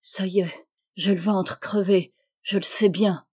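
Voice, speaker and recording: A woman's voice: medium pitch, steady tone, a little slow, darkish tone, breathy edge. A woman voicing a middle-aged country landowner, hearty and firm in his commands, in a read-aloud story.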